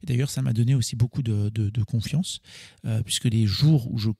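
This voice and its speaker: A man's voice: medium pitch, brisk, dark tone, breathy edge, no room sound, clean studio sound. A man hosting a solo coaching podcast, explaining in a casual, chatty way and correcting himself with small laughs. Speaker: podcast host.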